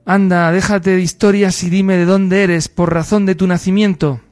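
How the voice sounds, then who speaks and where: A man's voice: high voice, little pitch movement, normal speed, darkish tone, soft background music, natural voice. A man reading the part of a pompous, wealthy philosopher who questions impatiently and condescendingly. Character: pompous wealthy male philosopher, self-important.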